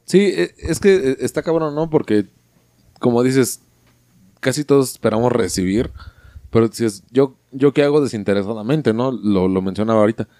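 A man with a Mexican accent in casual podcast chat, talking with heavy slang, swearing and animated asides. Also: medium pitch, normal speed. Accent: Mexican Spanish.

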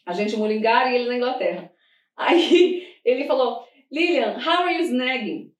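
A Brazilian woman with a Brazilian Portuguese accent chatting casually, telling animated stories, laughing often and acting out what others said. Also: fairly high pitch, moderate pace. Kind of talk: casual chat. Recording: roomy sound from a distant mic.

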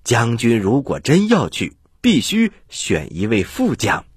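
A shrewd, composed strategist from a children's tale, voiced by a male storyteller. He speaks slowly with a husky edge and a smile, in a dry recording. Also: mid-range voice, wildly swooping pitch, no echo, full character voice. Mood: calm, assured. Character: calm, smiling, shrewd male military strategist.

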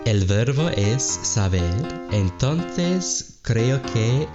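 A man's voice: medium pitch, very animated, very slow, dull audio, loud music behind the voice. A man co-hosting a podcast quiz, answering tentatively and thinking aloud before each guess. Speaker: podcast co-host and quiz contestant. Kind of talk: slow, careful quiz chat.

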